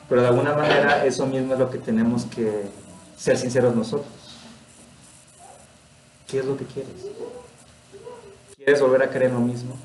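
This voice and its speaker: A man's voice: medium pitch, a little mellow, slight background noise. A man with a Mexican accent teaching a spiritual study class, speaking earnestly and personally and laughing often. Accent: Mexican Spanish. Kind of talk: informal spiritual talk. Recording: roomy echo.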